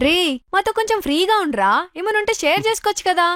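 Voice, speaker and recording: A woman's voice: extremely high pitch, expressive, very fast, a bit bright, no room sound, studio quality. A young woman with a Telangana Telugu accent, playing a friend in a scripted comedy sketch, with a bossy, scolding manner.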